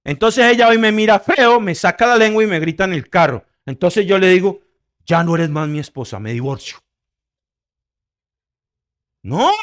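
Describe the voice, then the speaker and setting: High-voiced middle-aged pastor preaching with humor. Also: male voice. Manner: jokes with the congregation, swings from loud emphatic peaks to quiet asides; asks the congregation if they follow. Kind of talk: sermon.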